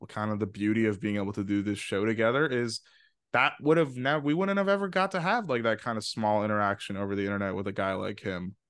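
A man's voice: lowish voice, fairly even intonation, fast, a bit bright. A man co-hosting a podcast in casual, laid-back chat, laughing often and using slang. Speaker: podcast co-host.

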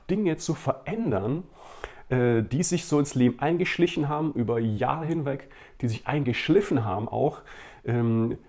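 Man, pastor, sermon, gravelly, middle pitch, direct questions, casual fillers. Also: darkish tone. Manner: conversational, many fillers and direct questions to listeners.

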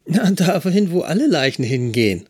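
A woman's voice: deep voice, very animated, normal speed, darkish tone, husky, voice pushed up, heavily acted. A man voicing a cheeky young female police trainee who mocks her boss. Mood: mocking. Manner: sassy, mocking. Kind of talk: audiobook acting.

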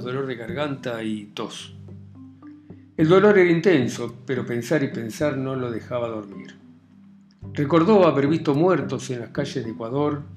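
A man tells a story at an unhurried, measured pace. His delivery is calm with a dry, ironic edge, and soft guitar music plays faintly behind him. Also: mid-range voice. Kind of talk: reading a short story aloud.

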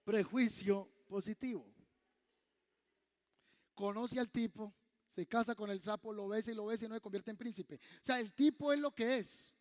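A man, preaching a humorous, animated sermon as pastor in a church. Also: sits high, normal speed. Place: large church hall. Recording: long hall reverb.

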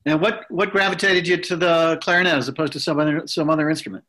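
A man's voice: on the high side, steady tone, quick pace, bright, forceful tone. A man hosting an interview podcast who asks long, rambling questions with many restarts. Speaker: host and interviewer.

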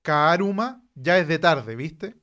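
A man co-hosting a casual talk show. His voice sits a little high, and he drops short, dry jokes into the conversation. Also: expressive, slow pace, bright, forceful tone. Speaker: co-host. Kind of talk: casual chat.

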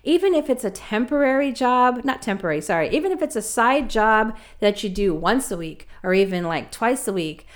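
A woman's voice: on the high side, lively intonation, a little fast, hardly any pauses. Emphatic woman podcast co-host. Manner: emphatic, conversational. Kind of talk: casual advice chat.

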